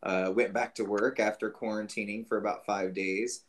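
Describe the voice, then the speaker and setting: Man co-host, teacher, animated storytelling, lowish voice, faint hiss behind. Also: moderate pace. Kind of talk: casual chat.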